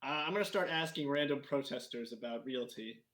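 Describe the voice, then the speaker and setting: A man playing a tabletop role-playing game, stating his moves in a dry, matter-of-fact way with deadpan jokes. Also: mid-range voice, brisk, a crowd in the background, low-quality recording. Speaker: player. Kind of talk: casual in-character play.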